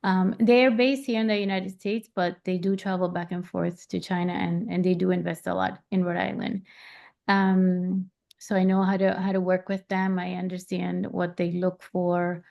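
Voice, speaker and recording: Middle-aged woman from Puerto Rico, gravelly. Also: on the low side, moderate pace, lo-fi sound. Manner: relaxed, many ums. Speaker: realtor, webinar panelist. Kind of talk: self-introduction on a webinar.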